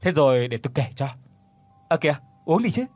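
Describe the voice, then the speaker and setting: A man's voice: on the high side, big pitch swings, brisk, a little mellow, no echo, soft background music. A man voicing a sly, scheming young male villager in an audio story, coaxing and wheedling. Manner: wheedling, coaxing, feigns alarm.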